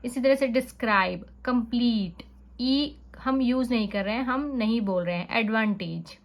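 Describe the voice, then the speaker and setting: A woman teaching spelling rules to parents. She sounds out words slowly, letter by letter, and drops English terms into her explanations. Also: on the high side. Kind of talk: phonics lesson for parents.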